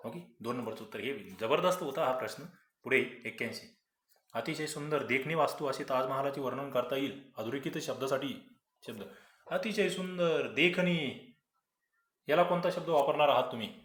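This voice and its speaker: A man's voice: medium pitch, normal speed, long pauses, fairly bright tone, reverberant. A man, teaching grammar and explaining quiz answers, asking the class rhetorical questions. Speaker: exam-prep grammar teacher.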